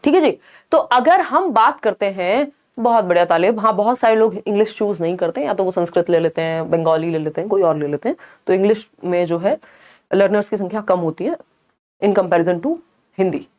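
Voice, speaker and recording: Fairly quick and a little mellow, this mid-range female voice runs a live online exam-prep session. She chats along in Hindi mixed with English, often checking back with viewers and getting the class to confirm.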